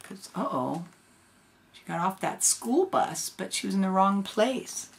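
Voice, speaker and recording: An older woman reading a storybook aloud in a gentle grandmotherly way, adding casual asides. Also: medium pitch, lively intonation, unhurried, vocal fry.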